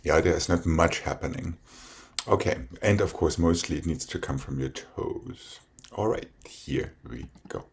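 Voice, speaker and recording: A man's voice: low-pitched, measured pace, gravelly. A man teaching a ballet class, calling out exercises and counting rhythmically in time. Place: ballet class with piano accompaniment. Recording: piano music behind the voice.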